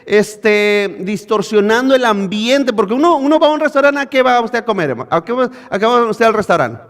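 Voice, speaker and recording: Male preacher, really high pitched, church echo all over, fires questions at the congregation. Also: lively intonation, a little fast, fairly bright tone. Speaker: pastor. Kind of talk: sermon. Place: church hall. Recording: echoey church hall.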